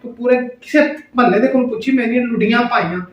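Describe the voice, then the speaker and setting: A woman playing a loud, melodramatic, excitable aunty with a Pakistani Punjabi accent in a family comedy skit. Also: fairly high pitch, quick pace, muffled recording, lightly acted. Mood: indignant, dramatic. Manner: loud, melodramatic wailing and exclaiming. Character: loud, dramatic, excitable village aunty and wife. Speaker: actor in a family comedy vlog. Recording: roomy echo with clear background noise.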